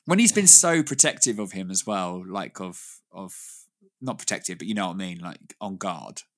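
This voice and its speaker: A man's voice: low-pitched, lively intonation, moderate pace. A British man co-hosting a casual podcast chat, rambling with frequent laughs and restarts. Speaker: podcast co-host.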